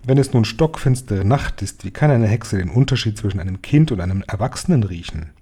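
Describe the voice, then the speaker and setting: A man's voice: on the low side, expressive, brisk, warm tone, breathy edge. A man voicing a curious, anxious young boy in a storybook, asking eager, protesting questions.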